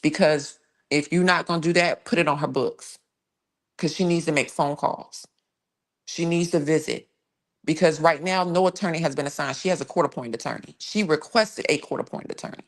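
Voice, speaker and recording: Low-voiced woman hosting a true crime stream. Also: steady tone, normal speed. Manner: blunt, emphatic, conversational with sighs and restarts; reads viewer comments and thanks viewers while talking. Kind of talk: casual live-stream case commentary.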